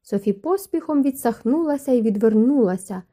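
A woman narrating an audiobook in an even storytelling manner. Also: fairly high pitch, brisk. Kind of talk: scripted narration.

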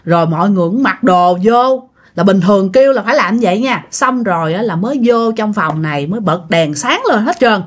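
A woman's voice: mid-range voice, animated, a little fast, hardly any pauses. Chatty woman telling ghost stories. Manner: chatty, addresses listeners directly. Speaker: storyteller. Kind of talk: casual ghost story narration.

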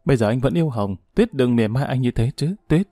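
A man's voice: medium pitch, lively intonation, quick pace, warm tone, dry recording, studio quality, soft background music, natural voice. A man playing a harried young airman, curt and strained, in a storybook reading. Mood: pleading.

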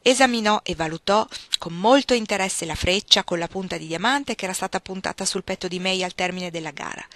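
A woman reading a novel aloud as audiobook narration, measured and expressive. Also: lowish voice, no echo. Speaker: reader.

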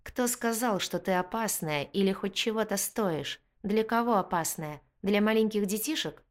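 Woman doing an arrogant young male guard, hot-tempered, sneering, loud, audiobook. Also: mid-range voice, moderate pace, natural voice. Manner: sneering, shouting insults.

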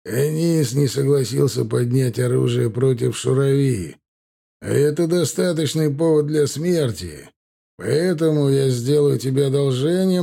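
A man voicing a cruel, scornful warlord who speaks in a slow, contemptuous drawl. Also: medium pitch, vocal fry, warm tone. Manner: slow, drawn-out, contemptuous delivery. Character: cruel, scornful male warlord, cold and menacing.

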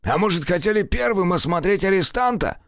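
A man's voice: high-pitched, lively intonation, brisk, fairly bright tone, dry recording, studio quality, pitched above the performer's own voice. A man voicing a stern middle-aged male detective who speaks coldly and curtly. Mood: harsh. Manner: curt and hard, grating when pressed.

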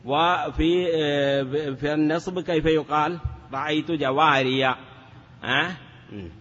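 A man's voice: on the high side, steady tone, a little slow, fairly bright tone. A man teaching Arabic morphology in a lesson, chanting word forms and asking rhetorical questions. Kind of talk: classroom lesson. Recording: dull lo-fi sound with long reverb.

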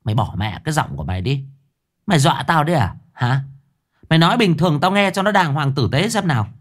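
A man voicing a stern village shamaness who scolds quickly and sharply. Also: fairly high pitch, lively intonation, voice pushed up. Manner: scolding, brisk.

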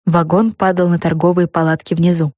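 A woman narrating a children's storybook in a calm, even way. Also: fairly low pitch, fairly quick, no room sound, clean studio sound. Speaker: audiobook narrator.

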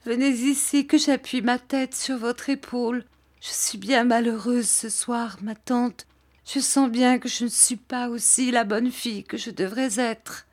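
A woman's voice: a little high, fairly even intonation, a little slow, pitched above the performer's own voice, natural voice. A woman voicing a tearful, remorseful young woman who pleads through sobs in an audiobook. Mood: pleading.

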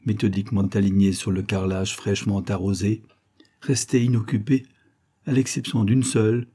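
Low, husky male storyteller. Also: dark tone. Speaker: audiobook reader. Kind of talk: literary narration.

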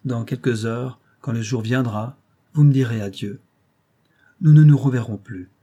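A man's voice: medium pitch, moderate pace, warm tone, slightly rough, dull audio, close to an everyday voice. Lucciola, a proud young boatwoman, read by a man. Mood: melancholy. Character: proud young Venetian boatwoman, fierce and melancholy.

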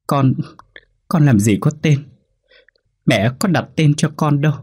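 A man voicing a small ghost child who begs its grandmother for help in a high, tearful voice. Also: unhurried, darkish tone, slightly rough. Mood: pleading, tearful. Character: ghostly little child, pleading and wounded.

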